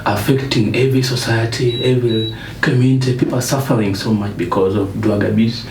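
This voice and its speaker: A man's voice: on the low side, fairly even intonation, a little fast. A man from Uganda, a guest in a motivational discussion, speaking earnestly and stacking up points for emphasis. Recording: echoey room, distant mic, faint noise.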